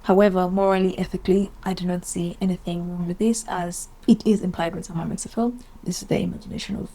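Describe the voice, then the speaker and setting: A woman's voice: fairly low pitch, fairly even intonation, quick pace, dark tone. A woman giving chatty, opinionated commentary in a casual vlog, rambling with asides. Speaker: video essayist.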